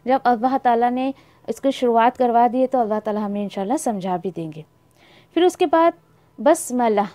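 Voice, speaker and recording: A woman teaching Quran recitation. She draws out Arabic words slowly to show how to say them and mixes English words into her talk. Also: fairly high pitch, dark tone, no room sound. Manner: slow, drawn-out demonstration of Arabic pronunciation. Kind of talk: Tajweed lesson.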